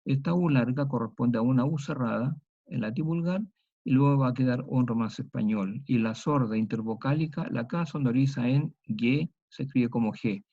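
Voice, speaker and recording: A middle-aged man giving a university lecture, working through each example methodically and repeating the key words slowly. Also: mid-range voice, mellow, slightly rough, lo-fi sound. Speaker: teacher.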